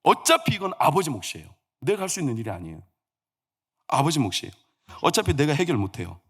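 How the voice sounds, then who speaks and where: A man's voice: on the high side, very animated, quick pace, slightly rough. A man, the senior pastor, preaching a sermon in a church sanctuary and telling stories with humor and acted quotes.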